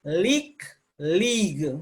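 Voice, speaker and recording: A woman's voice: fairly low pitch, big pitch swings, very slow, poor audio. A woman student carefully reading pronunciation drill word pairs aloud, one word at a time.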